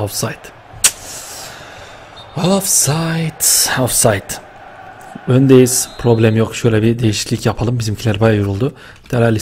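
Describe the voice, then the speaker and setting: A young man giving lively, excitable commentary while playing a football video game, cheering and scolding his players with slang. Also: mid-range voice, a little hiss or hum. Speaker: gaming YouTuber.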